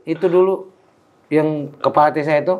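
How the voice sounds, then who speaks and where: A man from Timor tells his life story as a guest in a casual interview, a preacher who slips into voices for the people he quotes and laughs along the way. His voice sits a little high for a man. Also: moderate pace, narrow, tinny audio. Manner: animated storyteller who acts out quoted dialogue and laughs often.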